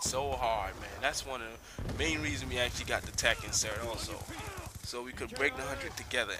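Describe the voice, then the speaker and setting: A young man casually commenting on his own game footage as a channel host, laid-back, swearing freely and calling everyone "man". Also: medium pitch. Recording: noisy homemade recording with hiss.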